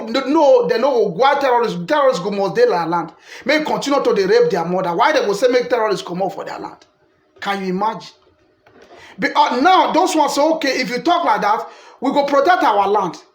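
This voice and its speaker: A man's voice: very high-pitched, echoey room. A man with a Nigerian accent delivering an impassioned political monologue in Pidgin, quoting scripture and repeating himself. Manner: preachy, quotes scripture, repetitive.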